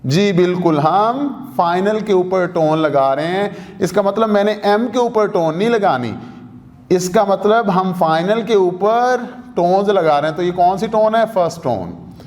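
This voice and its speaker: A man with a Pakistani Urdu accent teaching a language lesson in a studio, slowly repeating points and answering his own questions. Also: high-pitched, expressive, darkish tone, in a large hall. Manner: slow, repetitive, asks and answers own questions. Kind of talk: video lesson explaining rules.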